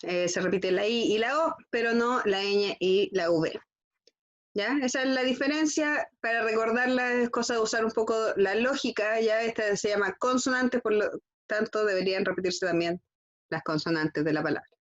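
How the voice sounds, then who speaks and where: A woman's voice: on the high side, moderate pace, lo-fi sound. A woman teaching a school lesson, constantly checking in with her students. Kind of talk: classroom lesson.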